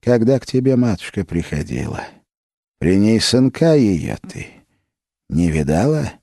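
A man's voice: lowish voice, big pitch swings, unhurried, creaky, mellow, dry recording, clean studio sound, pitched above the performer's own voice, full character voice. A man voicing an exalted tsar who confides in whispers and proclaims in triumph. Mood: secretive whisper. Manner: whispering, then triumphant and fervent.

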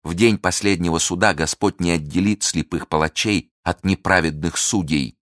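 A torn, devout young officer speaking gravely in a very deep, low voice, as a male reader does him. The audiobook sound is dry and close-miked. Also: normal speed, a bit bright, no echo. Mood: solemn. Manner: grave, solemn. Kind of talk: audiobook reading.

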